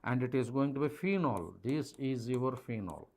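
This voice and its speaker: A middle-aged chemistry teacher with an Indian accent gives an online lesson at a digital board in an indoor teaching studio, speaking into a clip-on lapel mic. He switches between languages and addresses his students directly. His mid-range voice is darkish, with lively intonation at a normal speed.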